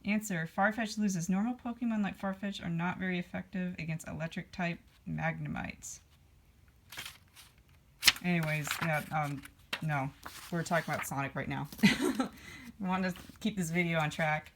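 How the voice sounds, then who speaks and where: A woman's voice: on the low side, normal speed, noisy background. A woman vlogger rambling casually while flipping through her old comics, with dry offhand asides. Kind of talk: casual vlog chat.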